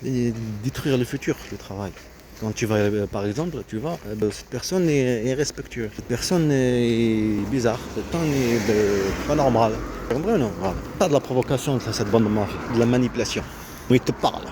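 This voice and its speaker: A man's voice: mid-range voice, moderate pace. A man vlogging outdoors on a phone, talking in an agitated, rambling way with many restarts. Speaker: vlogger seeking an internship. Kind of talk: casual vlog monologue. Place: outdoors in the street, looking for shade. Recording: loud outdoor street noise.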